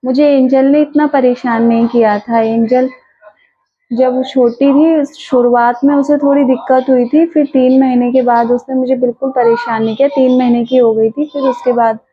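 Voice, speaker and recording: A woman's voice: sits high, steady tone, moderate pace, lo-fi sound. Weary mother vlogging at home. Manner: weary, soothing a sick child. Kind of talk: casual home vlog. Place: home kitchen.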